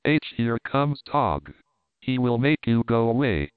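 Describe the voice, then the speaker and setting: A fierce young mother ape snaps her warnings, raised and loud over a dry, close sound, as a man reading the story puts her on. Her voice stays smooth and full. The recording is narrow and phone-like. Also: mid-range voice, very animated, unhurried, no echo. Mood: threatening. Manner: curt warning threats.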